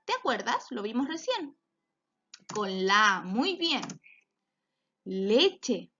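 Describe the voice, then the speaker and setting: A woman's voice: on the high side, sing-song, pushed and bright, a little hiss or hum. A woman teaching a children's phonics lesson, drawing out each word and praising often. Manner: slow, drawn-out words for children, encouraging praise. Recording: dull lo-fi sound.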